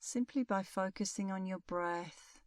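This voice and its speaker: In a guided meditation, a middle-aged woman instructor speaks at medium pitch, calm, soothing and unhurried, with long pauses. She sits far from the mic, and no room sound is audible.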